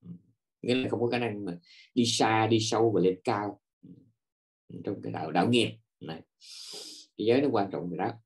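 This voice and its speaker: A man's voice: fairly low pitch, fairly quick, pauses often. A middle-aged man, a Buddhist monk, giving a dharma talk to a live audience, digressive and full of fillers and restarts.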